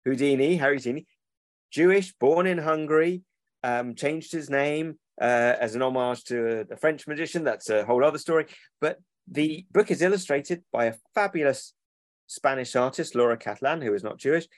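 A man's voice: mid-range voice, normal speed, no room sound. A man, a children's book publisher who rambles and corrects himself in a casual interview over a remote call.

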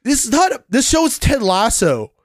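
A man's voice: very high-pitched, big pitch swings, moderate pace, no echo, studio quality. A man co-hosting a podcast, venting with exasperation and swearing. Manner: exasperated, swears, agrees along. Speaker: podcast co-host. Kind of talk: casual podcast chat.

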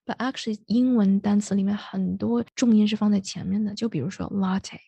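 A woman's voice: mid-range voice, fairly even intonation, brisk, vocal fry, dark tone, a little hiss or hum. A woman hosting a radio English lesson, explaining patiently while switching between Mandarin and English. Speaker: English teacher and radio host. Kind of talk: bilingual radio lesson chat.

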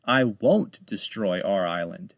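A man does a brash, excitable pirate captain from a storybook, his voice jumping high and loud. The tone keeps a gravelly grit and stays dry, right up on the mic. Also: slow, no echo. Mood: exasperated. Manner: raised, excited, pitching up sharply. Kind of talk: storybook read-aloud.

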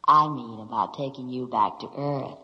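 A woman's voice: rumbling low, moderate pace, long reverb tail, highs cut off. An actress playing a female spaceship computer in an old radio drama, dramatic and scornful in a mock-romantic way. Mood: regretful. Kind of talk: 1950s radio drama acting.

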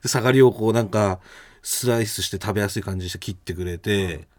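A man co-hosting a radio comedy after-show, telling stories in a casual, animated way and acting out what others said. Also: fairly low pitch, fast. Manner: animated storytelling, acts out quoted lines. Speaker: radio comedy duo co-host.

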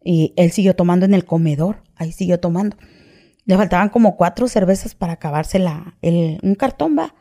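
A woman's voice: fairly low pitch, fairly quick, mellow. A woman telling her own story as an interview guest, often tagging phrases with "¿verdad?" and "¿va?" and restarting her sentences. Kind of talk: personal testimony, casual retelling.

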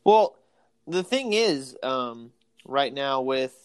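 A man co-hosting a casual sports podcast, excitable and laughing often, tired from an early morning. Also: mid-range voice, slow pace, smooth, no echo. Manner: excitable, laughs often, acts out quoted exchanges. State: tired, yawning. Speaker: podcast co-host.

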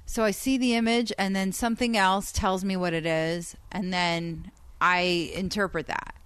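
A woman from Iran, a guest on a podcast, talking casually in a soft, hesitant way with many restarts. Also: mid-range voice, fairly even intonation, a little slow, clean tone, dry recording. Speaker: podcast guest, comedian and psychic reader.

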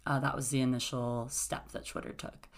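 A woman's voice: rumbling low, flat delivery, normal speed. A woman in casual debate, laying out events step by step with frequent "uh" and "um.". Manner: explanatory, methodical, many "uh" and "um" fillers.

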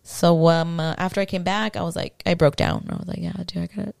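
A woman's voice: lowish voice, fairly even intonation, quick pace, creaky, darkish tone, dry recording, clean studio sound. A woman guest on a podcast telling a personal story in a casual, frank way, full of slang and swearing. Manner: slangy and frank, swears freely, fillers like "bro".

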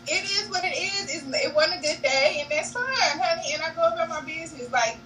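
A young woman with an extremely high, naturally monotone voice talks fairly quickly as a guest in a casual video-call interview. A reality show cast member, she's candid, laughs often, and calls people "honey" and "y'all." The distant mic picks up faint noise.

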